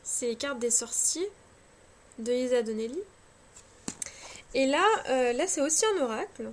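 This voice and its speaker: Chatty, hesitant high-voiced woman. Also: expressive, a little slow, darkish tone. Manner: chatty, hesitant, many fillers and restarts, self-mocking. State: tired. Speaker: cartomancy vlogger. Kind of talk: casual chat showing card decks. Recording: faint scratching background noise.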